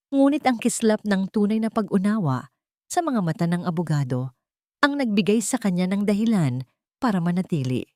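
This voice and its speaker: With a Filipino accent, a woman narrates a scripted dramatic story. Her voice is fairly low and a little mellow, and the recording is studio quality with no echo.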